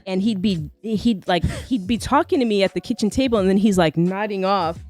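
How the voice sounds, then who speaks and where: A woman's voice: mid-range voice, brisk, darkish tone, no room sound, faint music behind. A woman guest on a podcast earnestly retelling a hard childhood story, with many fillers. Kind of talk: personal storytelling in a podcast interview.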